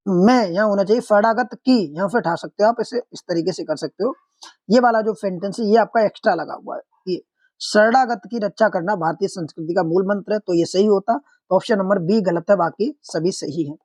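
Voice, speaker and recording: A man's voice: sits high, moderate pace, a little mellow, dry recording. Dry, close-miked male teacher quizzing viewers. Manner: explains step by step, quizzing viewers; addresses viewers as friends. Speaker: Hindi exam-prep teacher. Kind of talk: online exam-prep lesson.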